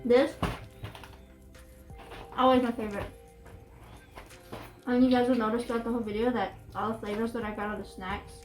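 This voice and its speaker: A woman's voice: on the high side, little pitch movement, moderate pace, pauses often, a little mellow, roomy sound, faint music behind. A young woman vlogging casually, chatting and eating snacks as she talks. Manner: chatty, eats while talking. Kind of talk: casual snack-tasting vlog.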